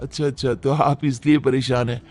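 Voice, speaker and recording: A man's voice: medium pitch, level tone, normal speed, darkish tone, faint music behind, natural voice. A man voicing a lazy, whining young son-in-law who makes excuses in a cartoon. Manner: whiny, complaining.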